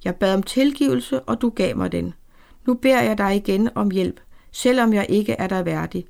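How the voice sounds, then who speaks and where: A woman voicing an anxious old grandfather who speaks softly and prays in a hushed, pleading way. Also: mid-range voice, gravelly, close to an everyday voice. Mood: pleading prayer. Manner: soft, hushed pleading prayer.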